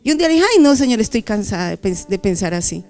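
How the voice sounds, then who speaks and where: A middle-aged woman giving a testimony sermon at a church convention, telling her story with lively acted-out dialogue. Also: medium pitch, quick pace, faint music behind. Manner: animated storytelling, acting out dialogue.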